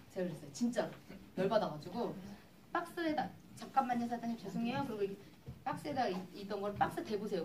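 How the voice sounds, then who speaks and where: A woman's voice: medium pitch, background noise. A woman presenting and demonstrating skincare to an audience in a hall, chatty and acting out customer exchanges as she tells stories. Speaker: cosmetics business presenter. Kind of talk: live seminar demonstration and storytelling. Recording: echoey hall recorded from far off.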